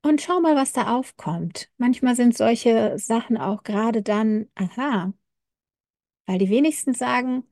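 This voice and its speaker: A woman's voice: on the high side, lively intonation, measured pace, warm tone, no room sound, clean studio sound. A woman coaching people with chronic pain, talking casually and reflectively to the listener, acting out inner voices along the way. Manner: addresses the listener informally, frequent fillers. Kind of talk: casual direct-to-camera talk.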